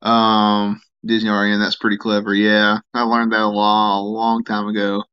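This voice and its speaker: Tired man, low voice, rambling live-stream host reading chat, slightly muffled lo-fi audio. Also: moderate pace, smooth. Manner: rambling, relaxed, reads and answers chat comments. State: tired, yawning.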